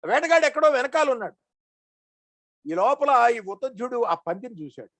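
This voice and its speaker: A woman giving a devotional discourse. She tells old stories with animation, chants Sanskrit verses slowly and then explains them. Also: high voice, big pitch swings, no echo. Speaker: religious storyteller.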